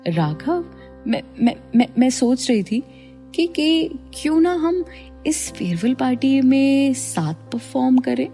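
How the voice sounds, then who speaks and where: A woman's voice: fairly high pitch, fast, soft background music, close to an everyday voice. Woman voicing snappy proud college girl. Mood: hesitant. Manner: snappy and sharp-tongued.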